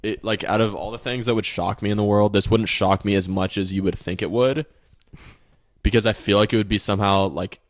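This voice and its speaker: A young man co-hosting a comedy podcast, hyper and joking, with shouty bursts and laughter. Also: fairly low pitch, steady tone, brisk. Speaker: podcast co-host. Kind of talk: casual comedic chat.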